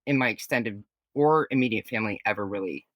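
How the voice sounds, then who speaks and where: A woman in her forties telling personal stories in a casual podcast chat, blunt and animated, with some swearing. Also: extremely low pitch, fairly quick, no room sound. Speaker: guest.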